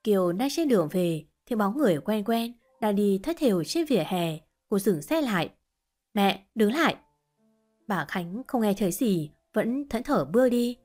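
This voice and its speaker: A woman reading a story as narrator in a steady, expressive way. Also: medium pitch, moderate pace, few pauses, soft background music. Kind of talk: scripted audiobook narration.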